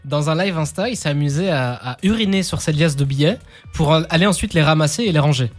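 A man co-hosting a podcast in casual chat, excitable and eager. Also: fairly high pitch, fast talker, faint music behind. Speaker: podcast co-host.

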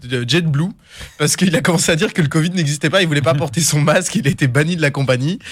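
A man's voice: fairly high pitch, fast talker, husky. A man hosting a quiz game on a podcast, playful and teasing, laughing often. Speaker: podcast host. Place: small studio.

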